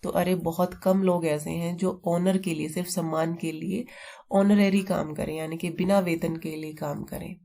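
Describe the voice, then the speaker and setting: Woman, teacher, low pitch, warm tone, patient repetitive explaining. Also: steady tone, vocal fry. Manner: explains slowly with memory tricks, repeats terms. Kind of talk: vocabulary lesson.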